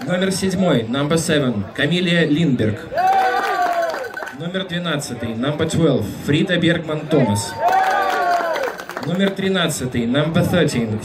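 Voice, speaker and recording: A man making formal, declamatory stadium announcements over an echoing outdoor public-address system. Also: a little high. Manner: formal, declamatory, calls out names. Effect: stadium public-address loudspeaker. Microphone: camera in the stands, far from loudspeakers. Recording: distant PA, very loud crowd noise. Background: crowd and loud stadium noise.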